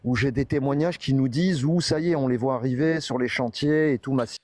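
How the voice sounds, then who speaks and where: A man's voice: medium pitch, brisk, darkish tone, dry recording. Guy explaining stuff on a live debate, hesitates a lot, close dry sound. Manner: argues with figures and sources, many hesitations. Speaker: debate panelist.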